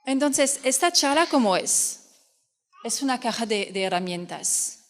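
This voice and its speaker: With a somewhat high, expressive voice at a measured pace, a Frenchwoman gives an earnest, explanatory conference talk as a fertility coach in non-native, French-accented Spanish. She restarts often. It's recorded with hall reverb in a hall at a fertility fair.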